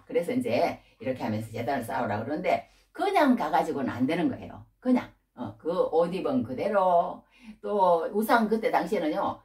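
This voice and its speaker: A woman preacher delivers a sermon in a lively, dramatic way, her low voice rising and falling sharply as she acts out scolding dialogue. She sounds set back from the microphone. The hall around her is roomy and echoey. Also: far from the mic. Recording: echoey room, voice from off the mic.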